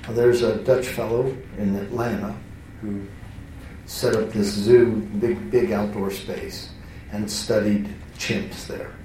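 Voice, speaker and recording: A man gives a classroom lecture in a relaxed, conversational way, restarting sentences and adding asides as he goes. His voice sits low and warm. He is picked up from across a reverberant hall, with faint room noise behind him. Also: slow pace. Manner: conversational, self-interrupting with restarts and fillers. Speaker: teacher. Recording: roomy hall, voice from far off.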